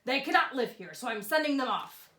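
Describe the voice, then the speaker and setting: A woman acts out a grumpy old storybook creature, indignant and mournful. The voice snaps and scolds in theatrical rhyme, fairly high in pitch. The room rings around it. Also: very animated, fairly quick, bright, forceful tone, roomy sound, heavily acted. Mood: mournful complaint. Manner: snappy, exclamatory, theatrical rhyming speech. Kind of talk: storybook character voice.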